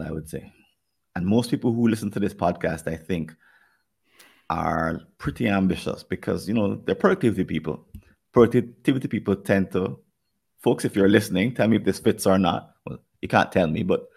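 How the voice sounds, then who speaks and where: Jamaican guy hosting a podcast, lowish gravelly voice, earnest chatty talk. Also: a little mellow. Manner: earnest, reflective talk that addresses listeners directly. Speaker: podcast host. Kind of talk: casual podcast conversation.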